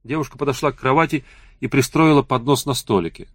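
In studio-quality audio free of echo, a mid-range male voice tells an audiobook story at a steady, even, measured pace.

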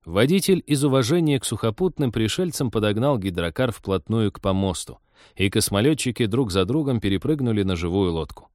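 A man narrating a science-fiction audiobook in a wry, even storytelling manner. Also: fairly low pitch, no echo, studio quality.

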